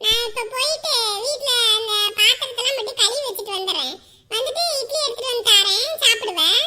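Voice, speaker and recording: An actress playing a chatty, hospitable village auntie, who talks with a laugh. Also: female voice, extremely high pitch, fast, pushed and bright, a little hiss or hum, full character voice. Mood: chatty, fond. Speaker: neighbour auntie.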